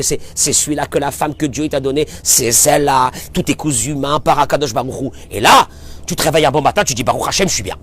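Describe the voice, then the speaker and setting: Male rabbi, animated sermon, drops to near-whispers then bursts into shouts. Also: on the high side, slightly rough. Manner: impassioned, swings from quiet to shouting; acts out dialogue with listeners, addresses them familiarly.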